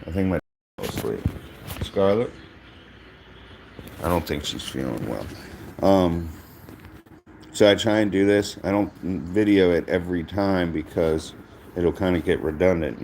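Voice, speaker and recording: A man giving casual, self-mocking commentary over a mobile strategy game he is playing, in a dry, monotone way. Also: low-pitched, a little hiss or hum. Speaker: gaming channel host.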